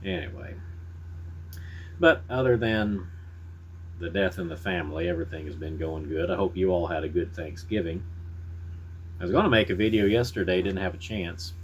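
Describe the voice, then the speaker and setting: A middle-aged man chatting casually to viewers in a folksy, unhurried, halting way. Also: sits low, slight background noise, rough recording. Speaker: pipe-smoking vlogger. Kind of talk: casual rambling chat to viewers.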